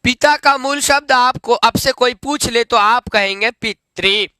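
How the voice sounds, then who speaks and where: A man's voice: extremely high pitch, sharp tone, smooth, dry recording, studio quality. A man teaching Sanskrit grammar, reciting noun forms one by one and checking that students follow. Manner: slow, drilled recitation of forms with checks for understanding.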